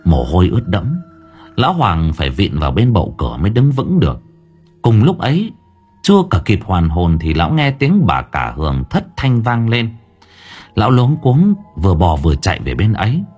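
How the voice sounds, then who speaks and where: A man narrating a ghost story in an expressive, dramatic way. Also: lowish voice, normal speed, slightly rough, soft background music. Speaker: audiobook narrator.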